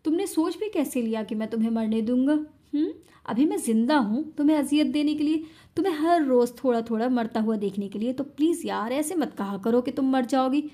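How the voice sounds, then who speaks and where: A woman reading as a cold, cruel young husband in a story, sneering sweetly in a high, bright voice, his tenderness only mockery, his taunts slow and deliberate. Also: close to an everyday voice. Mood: mocking. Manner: sneering, mock-tender, then snapping angrily.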